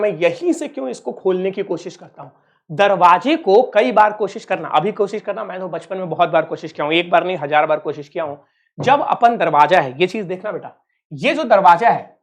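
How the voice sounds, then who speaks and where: Playful, teasing male physics teacher. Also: sits high. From Uttar Pradesh, India. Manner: playful, teasing, addresses students as kids. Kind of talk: online exam-prep lecture.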